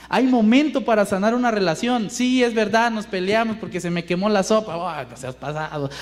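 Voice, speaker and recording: Un pastor mexicano con acento mexicano que predica un sermón en tono conversacional, imitando voces citadas y lanzando preguntas retóricas. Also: male voice, high voice, darkish tone. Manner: conversational, acts out quoted voices, asks rhetorical questions. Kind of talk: sermon.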